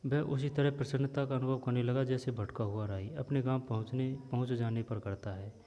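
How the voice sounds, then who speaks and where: A man's voice: medium pitch, steady tone, mellow. Man reading a textbook story, echoey lo-fi. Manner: reads steadily, pauses to explain words. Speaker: teacher reading a textbook chapter aloud. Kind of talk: reading a story aloud with explanations. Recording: dull lo-fi sound with long reverb.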